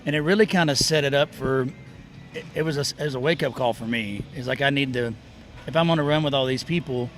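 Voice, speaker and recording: Soft music plays behind a medium-pitched man speaking at a quick clip, a middle-aged musician from Oklahoma and Texas. Interviewed casually at an outdoor festival, he meanders through tales and restarts often, interrupting himself along the way.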